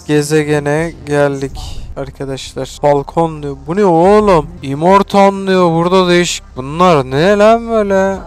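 A young man with a Turkish accent giving casual, chatty gameplay commentary, talking to his viewers and the game's people, swearing and exclaiming as he plays. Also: a little high. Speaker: gaming YouTuber.

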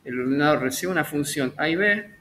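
Chatty man teaching code, bright voice. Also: on the high side, animated, fairly quick, slight background noise. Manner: chatty, self-correcting, jokes at his own slips. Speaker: programming teacher. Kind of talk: live online coding class.

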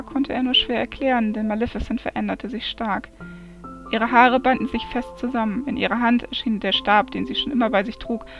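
A woman reads a fantasy story aloud in a steady, even storytelling voice. Her voice sits fairly high. The recording sounds dull and lo-fi, with soft music behind. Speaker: narrator. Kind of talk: amateur fantasy audiobook reading.

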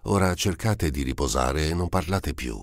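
Man doing a calm nun, gentle and soothing, very deep voice, dry close sound, audiobook figure. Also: normal speed, no echo. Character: calm, sad old nun.

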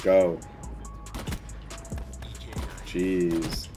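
Male gamer, deep and dark-toned, casual game chat, faint music. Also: little pitch movement, extremely slow.

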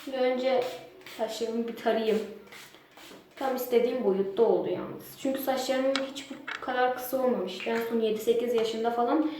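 A young woman chatting her way through a bedtime routine, and her fairly high voice rings with a heavy cave-like echo off the bathroom walls. She thinks aloud as she goes, and there is a faint hiss under the sound. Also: steady tone, moderate pace. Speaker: beauty vlogger. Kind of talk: casual chat walking viewers through a bedtime care routine. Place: home bathroom at night. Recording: very echoey bathroom, faint noise.

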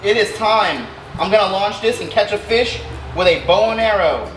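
A man in his thirties hosting a fishing vlog outdoors under a bridge by the water, chatting and joking with bursts of excitement. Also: sits high, normal speed, slight background noise, rough recording. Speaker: fishing channel host. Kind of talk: casual outdoor vlog chat. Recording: background music under the talk. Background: music.

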